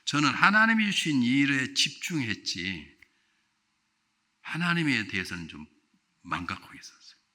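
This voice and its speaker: A man's voice: mid-range voice, very animated, normal speed, pauses often. Older man preaching a revival sermon. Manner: swings from loud exclamations to quiet storytelling; rhetorical questions to the congregation. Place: church sanctuary.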